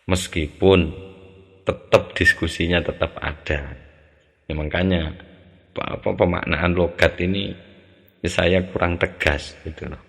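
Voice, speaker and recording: A man with a very deep, gravelly voice teaches a classical text, reciting Arabic phrases, glossing them word by word in Javanese, then explaining in Indonesian. His tone is steady and a bit bright, his pace measured with long pauses, and he's in a large hall.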